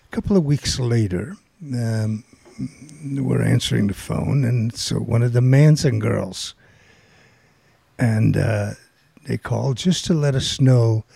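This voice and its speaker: Gravelly older man telling a rambling story. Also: medium pitch, slow, long pauses, mellow, no room sound. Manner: rambling, filler-heavy storytelling. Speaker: guest storyteller. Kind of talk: casual anecdote.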